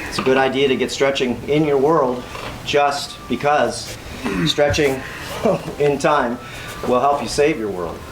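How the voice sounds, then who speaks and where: A man's voice: medium pitch, measured pace. A man giving a casual, rambling exercise demonstration, instructing as he goes and repeating himself. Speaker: workout host. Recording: clearly noisy ambient background.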